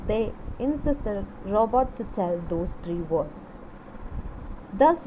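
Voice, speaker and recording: At a slow pace and in short, deliberate phrases, a woman with a medium-pitched voice reads scripted educational narration, explaining like a literature teacher. Clear background noise runs beneath her voice throughout the recording.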